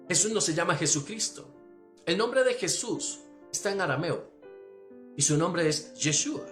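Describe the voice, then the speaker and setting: A man from Costa Rica with a Costa Rican Spanish accent, a pastor giving a teaching sermon and often checking that listeners follow. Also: fairly high pitch. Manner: animated, asks listeners if they follow.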